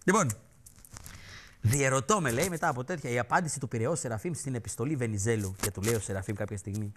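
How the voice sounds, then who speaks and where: A man hosting a television show, delivering mocking, sarcastic political commentary in animated rants. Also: medium pitch, slight background noise. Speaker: TV show host. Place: television studio.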